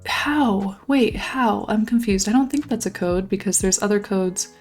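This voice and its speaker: This channel host, a young woman, gushes casually as she shows off a game island, bubbly and exclamatory despite a voice slightly worn from recent loss. Her pitch is medium and her tone darkish, at a measured pace, with faint music behind.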